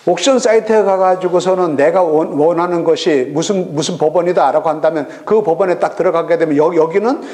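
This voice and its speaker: A middle-aged man giving a recorded lecture on real estate auctions, lively and full of rhetorical questions. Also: fairly high pitch, fairly quick, hardly any pauses. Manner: lively, rhetorical questions, acts out regional voices.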